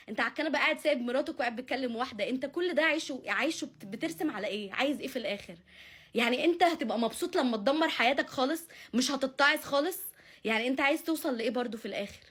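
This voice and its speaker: A woman's voice: sits high, a bit bright. A young Egyptian woman speaking heatedly and indignantly to camera, often repeating her phrases. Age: young adult. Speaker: vlogger. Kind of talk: angry personal confession to camera.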